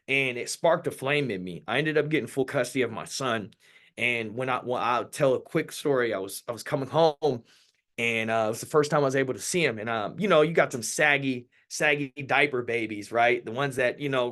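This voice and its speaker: Workshop speaker, man in his thirties, mid-pitched, candid, loose storytelling. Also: a bit bright. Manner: candid, loose storytelling with many fillers and restarts. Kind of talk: personal story in a workshop talk.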